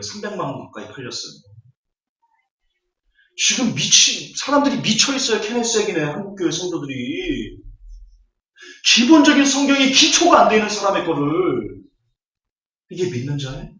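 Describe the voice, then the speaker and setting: A man's voice: high voice, sing-song, normal speed, pauses often, pushed and bright. A man preaching a Bible lecture, scornful and full of rhetorical questions. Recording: echoey hall, distant, dull audio.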